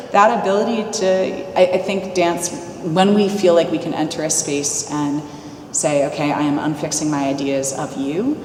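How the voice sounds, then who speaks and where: Low-voiced woman in a distant echoey hall. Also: background noise. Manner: reflective, searching for words. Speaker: dance teacher. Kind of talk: interview reflection.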